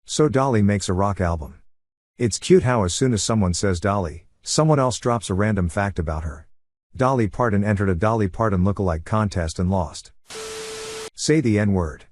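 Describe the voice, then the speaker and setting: A man reading online forum comments aloud in an even, matter-of-fact way as the narrator of a compilation. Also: lowish voice, moderate pace, no room sound, clean studio sound.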